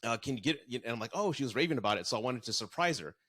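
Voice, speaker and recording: A man's voice: mid-range voice, expressive, very fast, a bit bright. A middle-aged man, a dating and divorce coach, talking casually and earnestly as he tells stories from his own marriage. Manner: earnest, storytelling with acted-out quotes. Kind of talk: casual podcast conversation.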